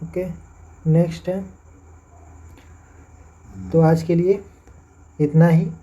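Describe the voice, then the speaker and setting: A man with a Hindi accent gives a pronunciation lesson at an unhurried, deliberate pace, spelling out each word before saying it. His voice is deep-toned and mellow, and the recording sounds dull and lo-fi. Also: little pitch movement. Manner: spells words letter by letter, then repeats them slowly. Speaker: English teacher.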